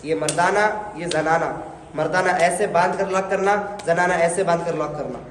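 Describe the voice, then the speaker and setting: A man's voice: a little high, fairly even intonation, normal speed. Male religious teacher, correcting and coaxing learners, roomy sound with faint background noise. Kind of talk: hands-on prayer instruction. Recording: echoey hall, faint noise.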